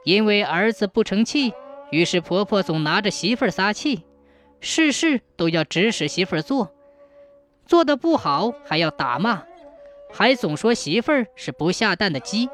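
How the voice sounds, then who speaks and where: A woman narrating a folk ghost story in a steady, measured way. Her voice sits at an ordinary middle pitch. Faint music plays quietly beneath her.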